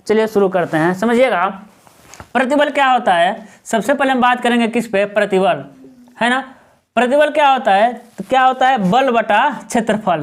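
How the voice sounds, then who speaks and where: A male teacher with an extremely high-pitched voice lectures his class, firing questions at the students and answering them himself. He keeps tagging on short check-in questions.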